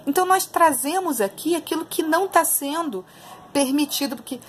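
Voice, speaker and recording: A woman's voice: high-pitched, normal speed. A Brazilian woman giving opinionated, emphatic commentary to her viewers in a casual spoken style, repeating phrases for emphasis. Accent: Brazilian Portuguese. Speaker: online political commentator.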